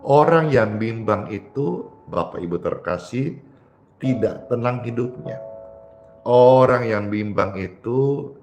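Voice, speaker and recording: A man preaching as a pastor, emphatic, with dramatic swings in pitch and loudness and words repeated for emphasis. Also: takes it slowly, long pauses, music in the background. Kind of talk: emphatic sermon with prayer.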